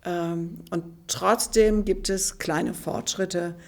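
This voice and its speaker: In a reflective interview clip, a German woman in her sixties answers thoughtfully and hesitantly. She speaks slowly in a lowish voice with a steady tone.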